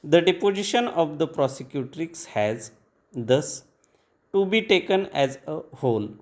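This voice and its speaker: Man dictating slowly in measured phrases. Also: fairly high pitch, expressive. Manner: dictating in short measured phrases with pauses between them. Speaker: shorthand dictation reader. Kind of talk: dictating formal legal text for shorthand practice.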